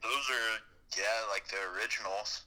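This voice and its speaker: A man's voice: on the low side, moderate pace, sharp tone, rough recording. A man heard through a phone on speakerphone, calling in from bed, answering briefly and with some hesitation. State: lying in bed, about to fall asleep. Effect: heard over a phone on speakerphone. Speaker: oil and gas engineer called in as a guest. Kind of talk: casual phone chat. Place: bedroom at home.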